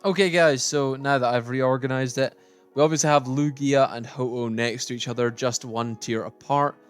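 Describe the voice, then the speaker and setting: A man's voice: medium pitch, steady tone, normal speed, clear, resonant tone, faint music behind. Opinionated man ranking game characters. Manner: opinionated, thinking aloud while sorting. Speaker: gaming YouTuber. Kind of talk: casual tier-list commentary.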